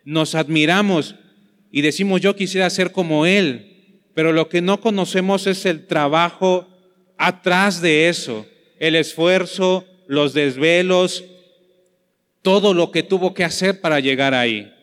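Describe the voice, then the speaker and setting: Mexican preacher guy, slow earnest sermon, kinda high voice, long echo like a big church hall. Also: a bit bright. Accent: Mexican Spanish. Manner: slow, earnest preaching, acting out quoted excuses.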